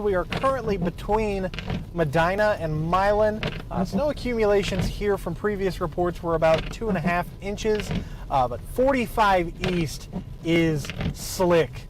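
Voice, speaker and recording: Halting man reporting from a moving car. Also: sits high. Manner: halting, many "uh"s while driving. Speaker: field meteorologist reporting from car. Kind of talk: live road report. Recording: road noise from a moving car.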